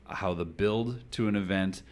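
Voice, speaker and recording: A man in his thirties hosting a casual interview, talking in a rambling, animated way and laughing often. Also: sits low, a little slow. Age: 30s. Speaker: podcast host.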